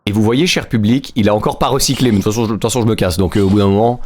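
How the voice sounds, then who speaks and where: A man with a darkish, lowish voice talks very fast while streaming a video game, with game music and a little hiss or hum in the recording. He chats and jokes casually with his audience, laughing often.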